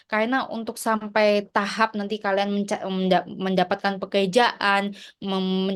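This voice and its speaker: Woman lecturer on a video call, encouraging, lots of fillers, smooth voice. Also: medium pitch. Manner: encouraging, mixes English phrases, many fillers. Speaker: university lecturer. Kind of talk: online class lecture. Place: online video class.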